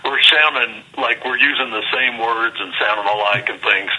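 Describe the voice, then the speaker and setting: A man's voice: mid-range voice, normal speed. A man calling in by phone, heard over a speakerphone, chatting in a dry, joking way. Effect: phone call played over a speakerphone. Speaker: caller, regular co-host. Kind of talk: casual chat. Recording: speakerphone call with loud crowd.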